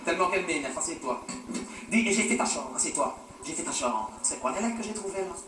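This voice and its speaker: A man's voice: on the high side, lively intonation, quick pace, natural voice. A man playing an exasperated, nagging father who scolds his teenage daughter sarcastically in a stand-up sketch, repeating "hein" over and over. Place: theatre stage. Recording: roomy stage sound from far off, faint noise.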